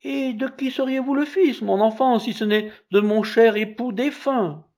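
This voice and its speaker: A man's voice: very high-pitched, measured pace, darkish tone, pitched above the performer's own voice. A man voicing a frightened, guilty older lady who protests shrilly. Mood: panicked.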